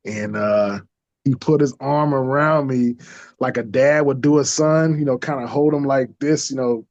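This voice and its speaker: A man telling a personal story in a casual interview, lively, laughing often and acting out the voices of people he quotes. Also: medium pitch, moderate pace, no echo. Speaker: interview guest. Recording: dull lo-fi dry sound.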